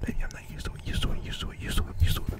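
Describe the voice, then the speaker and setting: Young man whispering fast, aggressive ASMR. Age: young adult. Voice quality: breathy, unvoiced whisper. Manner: rapid repetition of single words and short phrases. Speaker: ASMR video creator. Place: small indoor room. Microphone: close-up condenser microphone.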